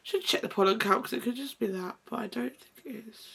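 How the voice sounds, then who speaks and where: Nasal, stuffed-up young woman with a gravelly edge. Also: on the high side, brisk, sharp tone. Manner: rambling, self-correcting, gushing. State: blocked nose, sounding nasal. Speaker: book vlogger. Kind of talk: casual chat.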